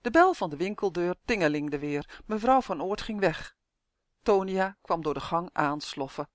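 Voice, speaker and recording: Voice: mid-range voice, lively intonation, normal speed, no echo, clean studio sound. A storyteller reading a children's book aloud, lifting the voice for the characters' dialogue. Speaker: narrator.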